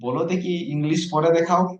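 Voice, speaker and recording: A man's voice: on the high side, moderate pace, darkish tone, highs cut off. A man teaching an online lesson, patiently coaxing his student and breaking words into syllables.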